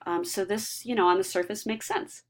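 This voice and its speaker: A woman's voice: mid-range voice, fairly even intonation, normal speed. A woman giving a recorded lecture, explaining ideas step by step with frequent ums and restarts.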